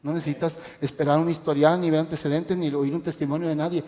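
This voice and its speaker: A man's voice: on the high side, flat delivery, quick pace, mellow. A man, preaching a radio sermon as pastor with passionate rhetorical questions. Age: adult parent. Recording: echoey hall reverb.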